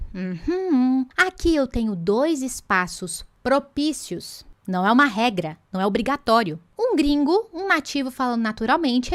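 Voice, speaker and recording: A Portuguese-speaking woman teaching an online English lesson, lively and playful, slowing phrases down to show them. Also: high voice.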